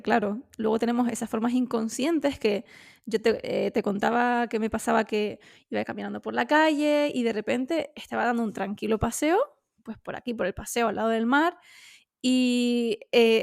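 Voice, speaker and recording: A woman's voice: on the high side, moderate pace, vocal fry, a little mellow, dry recording. Chatty woman, dry close sound. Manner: chatty, candid, with laughs and fillers. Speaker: podcast co-host. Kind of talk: casual conversation.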